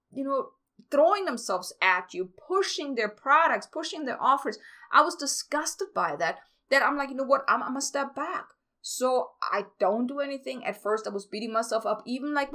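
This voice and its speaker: A woman with a fairly high voice speaks informally as a spiritual podcast host. She is earnest and confiding, leaning on key words for emphasis as she addresses her listeners. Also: a bit bright. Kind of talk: informal personal talk to listeners.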